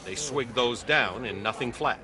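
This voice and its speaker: A man narrating a news feature in a scripted style, with a wry, lively delivery. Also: mid-range voice, measured pace, music in the background.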